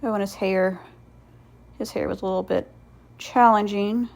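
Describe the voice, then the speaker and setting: A woman hosts a craft video with a creaky, fry-edged voice at an ordinary female pitch. Her commentary is casual and rambling, dryly sarcastic in a playful way and quick to mock herself. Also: fairly even intonation, a little mellow. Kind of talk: casual voice-over commentary on painting.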